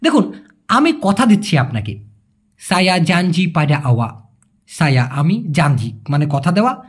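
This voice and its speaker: Male tutor, husky, lively intonation, jokey and casual. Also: a little high, normal speed. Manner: chatty and animated, jokes in colloquial asides. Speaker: language teacher. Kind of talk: casual video lesson.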